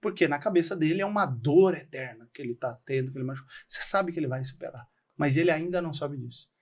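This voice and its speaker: A Brazilian man speaking as a guest on a podcast, explaining things in an animated way and acting out little bits of dialogue. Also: on the high side, fast talker. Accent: Brazilian Portuguese. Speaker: podcast guest, real estate trainer. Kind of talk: casual podcast conversation.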